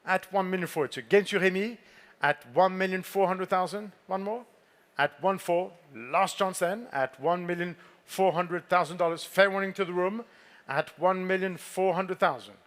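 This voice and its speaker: A man's voice: high-pitched, moderate pace, fairly bright tone. A man working as a fine art auctioneer, calling and repeating bids in a poised, formal manner with polite prompts to bidders. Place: auction saleroom with bidders present.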